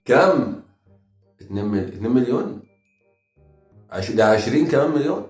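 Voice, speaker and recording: Egyptian male reaction comic, sarcastic rapid-fire delivery, roomy echo, music bed. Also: medium pitch, expressive, a little mellow. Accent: Egyptian Arabic. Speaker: comedy reaction host.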